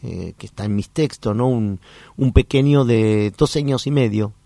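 A man, a child psychoanalyst, telling a clinical story in a lively way and acting out the voices. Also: lowish voice, moderate pace, vocal fry, no room sound. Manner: animated, acts out voices and sounds in anecdotes. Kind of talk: conversational storytelling.

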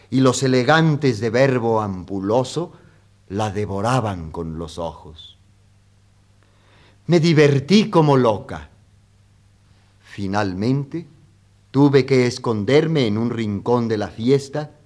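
A man reading a literary short story aloud in a measured, dramatic way. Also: medium pitch, a little mellow.

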